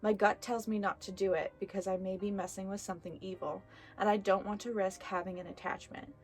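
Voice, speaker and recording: Reading stories in a casual haunted doll vlog, this host talks playfully to her viewers and the things around her. Her medium-pitched delivery is flat and a little fast, over soft background music.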